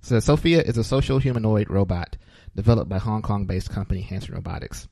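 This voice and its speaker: A man's voice: fairly low pitch, a little fast, gravelly, warm tone, no echo. Laughy podcast host guy, loose rambly chat, dry studio sound. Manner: jokey, laughs often, loose filler-heavy talk.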